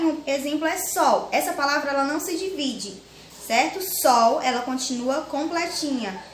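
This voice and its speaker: A young woman with a Brazilian Portuguese accent teaching a children's grammar lesson, slowly and patiently breaking words into syllables. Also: sits high. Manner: slow, patient, spells syllables out one by one. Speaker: primary school teacher. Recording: echoey room with faint hiss.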